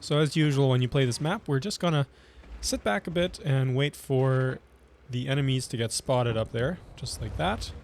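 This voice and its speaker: A man with a scratchy voice from a cold, hosting casual commentary over his own tank gameplay and calmly explaining his tactics. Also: mid-range voice, moderate pace. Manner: relaxed, explaining tactics as he plays. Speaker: gaming channel host.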